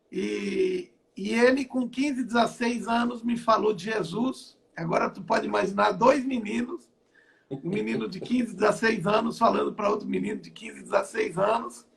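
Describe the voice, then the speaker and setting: A creaky, high-pitched voice at a measured pace comes from an older apostle and pastor in southern Brazil. He's at home giving his testimony in an online interview, stacking phrases and starting them again.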